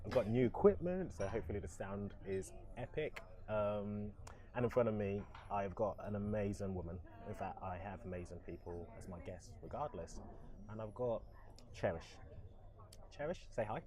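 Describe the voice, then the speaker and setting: A young man hosting a podcast interview, chatty and quick to laugh. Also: on the low side, lively intonation, crowd noise. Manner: friendly, chatty, laughs easily. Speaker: podcast host. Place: busy public venue.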